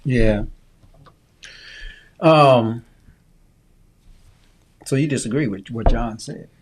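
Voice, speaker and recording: A man hosting a casual political talk podcast, reading viewer comments aloud in a relaxed, lightly teasing way. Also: medium pitch, drawn-out words, breathy edge. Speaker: podcast host.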